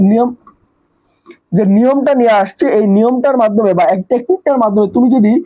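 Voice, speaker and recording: Male tutor, high voice, repeats and quizzes, muffled lo-fi audio. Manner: repetitive, asks questions and answers them himself. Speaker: teacher. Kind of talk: live online exam-prep class.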